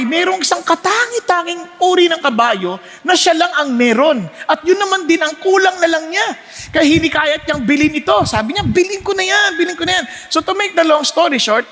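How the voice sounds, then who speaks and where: A male preacher with a very high, bright voice gives a lively sermon. He moves freely between Tagalog and English and acts out his stories with frequent laughs. His voice echoes with the long reverb of a church hall.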